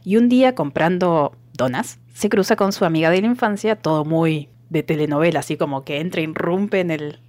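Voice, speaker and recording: An Argentine woman co-hosting a podcast in casual chat, retelling things in a joking, animated way. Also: deep voice, fairly quick, hardly any pauses, no room sound. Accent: Argentine Spanish. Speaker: podcast co-host.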